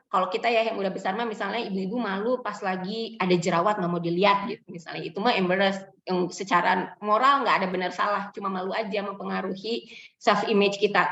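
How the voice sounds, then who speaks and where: A woman's voice: mid-range voice, a bit bright. A woman psychologist gives a parenting seminar talk, explaining step by step and acting out quotes from parents and children. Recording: echoey, distant, muffled room mic.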